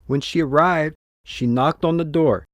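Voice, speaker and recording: A man reading a textbook story slowly and expressively as the audio narrator, in a dry, close studio recording. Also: on the high side, no room sound. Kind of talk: scripted narration.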